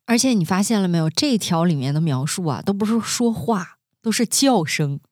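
A woman's voice: on the low side, animated, moderate pace, a little mellow, no room sound, clean studio sound. A woman from Xinjiang co-hosting a casual podcast, explaining things with a trained broadcaster's delivery. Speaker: podcast co-host. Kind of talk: casual chat.

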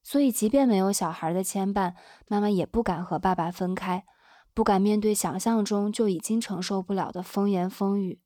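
Calm young woman narrating in a dry voice. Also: medium pitch, dry recording. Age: 20s. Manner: calm, measured storytelling. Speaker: interviewer and narrator, daughter of the guest. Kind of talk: scripted reflective narration.

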